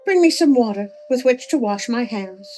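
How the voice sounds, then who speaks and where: A woman's voice: a little high, animated, normal speed, mellow, natural voice. A woman voicing a bold, defiant male coyote trickster in a folk tale, calling out challenges and commands. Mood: commanding. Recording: music under the voice.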